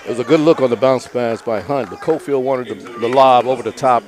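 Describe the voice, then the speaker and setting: A man giving relaxed, conversational color commentary on a college basketball game, with admiring remarks about the plays. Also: medium pitch, brisk. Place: college gym. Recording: crowd noise in a gym.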